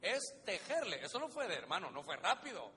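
A pastor delivers an emphatic sermon with a high, lively voice. His tone is bright and forceful, and the live church recording carries a long reverb over a faint hum. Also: brisk. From Honduras. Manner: emphatic preaching, often says "hermano", acts out voices in stories. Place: church hall.

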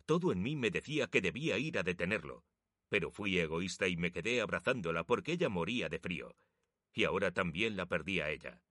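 A man's voice: sits low, expressive, fairly quick, fairly bright tone, no echo, studio quality. A man voicing a proud young photographer who talks earnestly and jokes with his brother. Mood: grieving. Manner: earnest, sometimes teasing.

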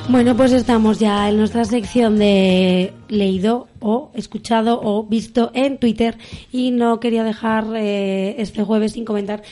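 A woman's voice: a little high, steady tone, a little slow, dark tone, faint music behind. A woman co-hosting a casual podcast, chatting and telling stories with amused asides. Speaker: podcast co-host. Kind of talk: casual chat.

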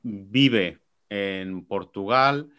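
A man's voice: on the low side, extremely slow, bright, forceful tone. A man with an accent from Spain, hosting a podcast and addressing listeners as he introduces a guest. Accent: Spain Spanish. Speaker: podcast host, marketing manager.

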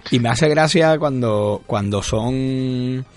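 A man's voice: mid-range voice, takes it slowly, soft background music. Rambling Spanish podcast co-host, man. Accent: Spain Spanish. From Spain. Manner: rambling, animated, calls his co-host "tío". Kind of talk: casual gaming podcast chat.

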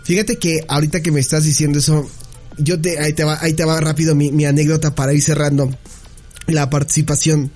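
A Mexican man with a notably high voice spins a funny childhood story in relaxed chat, laughing along as he goes. Soft music sits faintly behind him. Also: brisk. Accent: Mexican Spanish. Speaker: podcast co-host. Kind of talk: casual chat, telling an anecdote.

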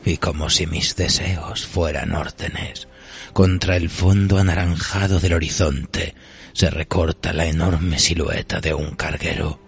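A man's voice: rumbling low, level tone, vocal fry, exaggerated voice. A man voicing an ancient weary cursed sea treasure. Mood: brooding. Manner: slow, solemn, at times hushed to a whisper. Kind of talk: recited dark poem. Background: music.

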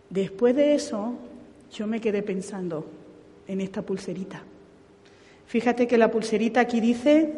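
Lady preacher, fairly high voice, big echoey hall, acts out voices in her stories. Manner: animated storytelling with impersonated voices. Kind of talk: sermon. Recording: long hall reverb.

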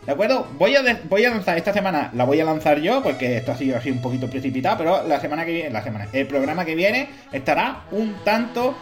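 A man's voice: a little high, big pitch swings, quick pace, few pauses. A man with a Castilian Spanish accent hosting a podcast in a casual, rambling, jokey way, swearing freely. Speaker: podcast host. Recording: music playing behind the voice. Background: background music.

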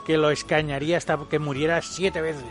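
Aragonese guy in his 50s hamming up a funny story, kinda high voice, music going under him. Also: flat delivery, fairly quick. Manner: exaggerated, theatrical, acts out voices. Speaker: co-host. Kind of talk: comic storytelling on a radio show.

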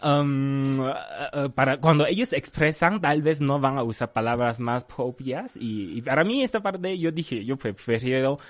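Chinese-accented guy chatting in a second language, lots of little laughs and fillers, mid pitch. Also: normal speed, hardly any pauses. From China. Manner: laughs often, hesitant with fillers. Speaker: guest. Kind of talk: casual chat.

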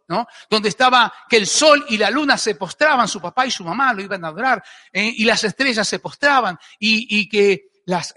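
An Argentine man preaches from the pulpit with a high, sharp voice. He presses his points with repetition and keeps asking the congregation "¿eh?". The sound rings out in a reverberant church hall. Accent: Argentine Spanish. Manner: emphatic preaching with frequent rhetorical "¿eh?" and repetitions. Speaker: pastor. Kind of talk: sermon.

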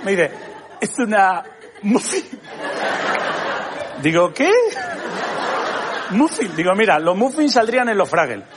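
Man, stand-up comedian, acts out dialogues, very lively pitch, loud audience laughter. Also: slow, pauses often, a crowd in the background. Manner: animated, acts out both sides of dialogues. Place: comedy stage before a live audience. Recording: live audience laughter, noisy theatre.

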